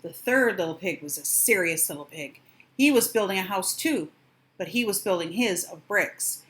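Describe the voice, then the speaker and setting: An older woman reading a children's storybook aloud with expressive, dramatic emphasis. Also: mid-range voice, moderate pace, a little hiss or hum.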